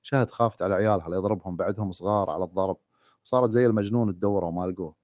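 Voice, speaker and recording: Fast-talking deep-voiced male storyteller. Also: darkish tone, no room sound, clean studio sound. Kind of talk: storytelling narration.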